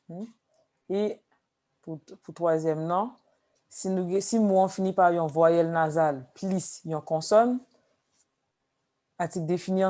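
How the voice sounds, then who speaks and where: A woman teaching a language class, explaining slowly with repeated examples. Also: on the low side, warm tone. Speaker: Haitian Creole teacher.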